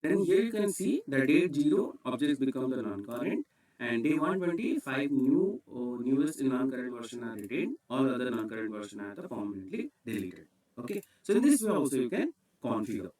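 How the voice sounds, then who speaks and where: A man with an Indian accent presents a step-by-step software screencast tutorial, recorded on a distant mic. His medium-pitched voice swings widely in pitch and moves a little fast, and he keeps saying "okay" to check in as he instructs.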